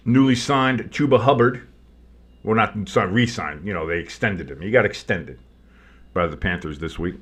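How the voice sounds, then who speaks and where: A man's voice: lowish voice, normal speed, fairly bright tone. A man with a tinny sound, recorded in a kitchen, hosting a stream with play-by-play commentary and casual, blunt, sardonic chat. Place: kitchen, not a studio.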